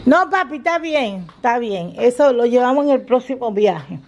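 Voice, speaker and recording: A high-voiced, middle-aged woman talks straight to her phone camera, chatty and laughing as she tells a story and acts out each part. Traffic and car noise fill the background clearly. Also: animated, normal speed, a little mellow, muffled recording. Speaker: family vlogger. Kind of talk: casual chat to camera. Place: in a car and around stores.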